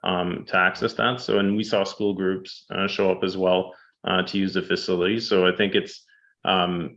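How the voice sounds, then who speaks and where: A man presenting statistics to a city council, steady and fact-heavy, with frequent ums. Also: sits low, vocal fry, dull audio. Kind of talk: public presentation. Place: council chamber.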